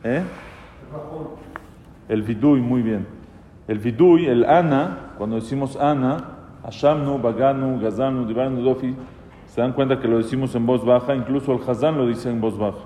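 In this Torah class, a male rabbi speaks at a normal speed with a medium pitch and dark tone, walking through Hebrew texts and questioning those listening. There is slight background noise, and the room is echoey with long reverb.

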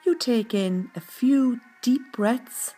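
A woman narrating a scripted guided meditation in a soothing, gentle, unhurried manner. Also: on the high side, husky. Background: background music.

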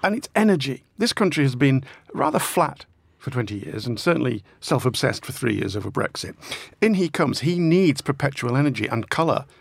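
A man, a guest commentator in lively political chat, animated and jumping into impressions. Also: fairly quick, creaky, husky, dry recording. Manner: animated, breaks into impressions with big pitch jumps.

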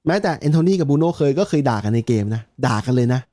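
A man co-hosting a casual football podcast, talking quickly and breaking into laughter. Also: mid-range voice, animated, mellow. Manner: rapid, laughing, swears casually. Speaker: podcast co-host.

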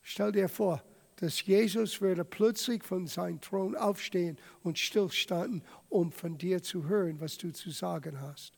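Male preacher, unhurried and emphatic, high voice, long hall echo. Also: creaky. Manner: emphatic, dramatic retelling of scripture. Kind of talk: sermon.

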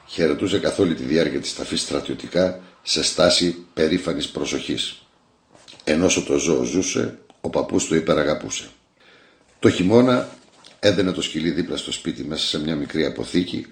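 A man, an actor, narrating a literary short story in a measured, scripted reading. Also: extremely low pitch, creaky, reverberant.

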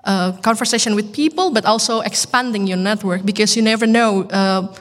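A woman's voice: mid-range voice, a little fast. A chatty woman gives advice on a panel, dropping "like" into her sentences. Her voice trails into a long hall reverb. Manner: chatty, with many "like" fillers. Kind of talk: panel answer.

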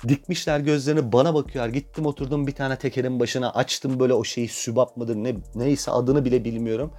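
A man's voice: medium pitch, fairly even intonation, fast talker, a little mellow. A young man hosting a podcast, telling a comic personal story in a crude, self-mocking way and swearing freely. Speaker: podcast host.

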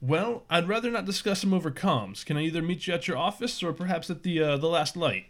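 A man voicing a gruff, businesslike female client on a call about a job. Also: fairly high pitch, quick pace, a bit bright, voice pushed up. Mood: polite, brisk.

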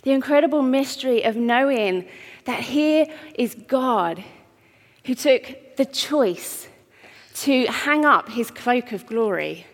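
A woman's voice: a little high, lively intonation, slow pace. A woman preaching a sermon to a congregation, projecting her voice through a mic in a big echoing hall. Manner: projects her voice, warm storytelling. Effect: big hall echo on her mic. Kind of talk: sermon with a handheld prop. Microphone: wearing a mic on the PA. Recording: echoey hall reverb.

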